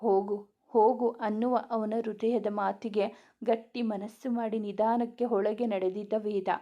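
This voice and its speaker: A woman narrating a romantic story in a gentle, even reading voice. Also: medium pitch, unhurried, highs cut off.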